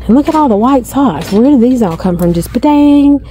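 A middle-aged woman wanders a big discount store narrating a shop-with-me vlog, her handheld phone filming her hands. She talks at normal speed in a high voice, chatty and thinking out loud, quick to get excited about what she finds, with slight hiss or hum in the background.

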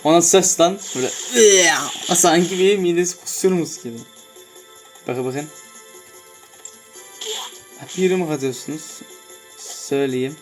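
Excitable young man narrating a fighting game. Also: fairly high pitch, normal speed, poor audio. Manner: excitable, swears casually, shouts in surprise. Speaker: gameplay streamer. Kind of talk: casual gameplay commentary. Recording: music clearly heard behind.

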